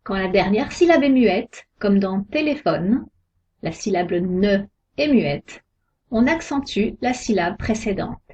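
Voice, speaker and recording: A woman giving a scripted pronunciation lesson, sounding out each example word slowly and carefully. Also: medium pitch, expressive, darkish tone, breathy edge. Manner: slow, careful, deliberate articulation of example words. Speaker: French pronunciation teacher. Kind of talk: slow scripted lesson narration. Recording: dull lo-fi recording.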